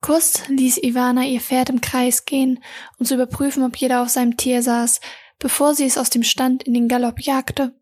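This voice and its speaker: Breathy lady reading her fantasy story, kinda high, soft and hushed. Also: level tone, moderate pace. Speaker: reader and author.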